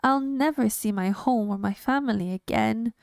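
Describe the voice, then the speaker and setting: A woman voicing a small, lost green alien boy with a squeaky, shaky voice. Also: normal speed, gravelly, smooth, no room sound, clean studio sound. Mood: sad, lost.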